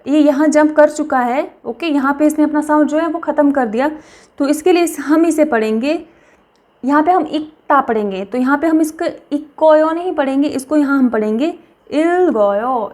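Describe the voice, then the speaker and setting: A young woman teaching a language lesson, repeating each word slowly for practice. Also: high-pitched, a little mellow. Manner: slow, repeats words for practice.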